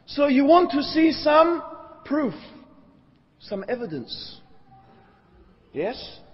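A man's voice: very high voice, sing-song, slow pace, in a large hall, highs cut off. A man giving a religious lecture, asking rhetorical questions and checking in with his listeners. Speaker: Islamic lecturer.

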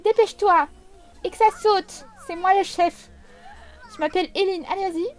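A woman's voice: very high-pitched, moderate pace, voice pushed up. A woman voicing a bossy, tantrum-throwing little girl who shrilly demands things. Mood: indignant, bossy.

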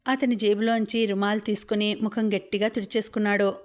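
A woman narrating a first-person novel as an audiobook, in a steady, even reading. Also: mid-range voice, fairly quick.

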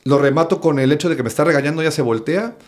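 Quick, slangy Mexican man, comedian guest, animated storyteller, slightly high-pitched. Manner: animated, profane, acts out quotes. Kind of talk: casual chat.

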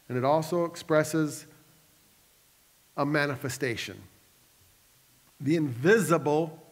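A male pastor preaching a sermon, telling stories animatedly and adding joking asides to the congregation. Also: medium pitch. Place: church sanctuary. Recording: long reverb of a church hall.

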